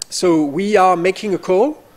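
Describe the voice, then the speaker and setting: A man with as his presenting a doctoral program at an information session, halting with frequent fillers. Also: sits high, a little mellow. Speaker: program director.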